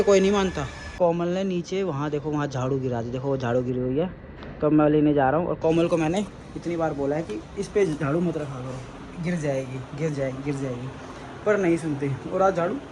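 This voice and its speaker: A young man chatting casually to the camera for his family vlog, talking straight to viewers and teasing his dog. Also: on the high side. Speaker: vlogger. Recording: noisy handheld phone recording.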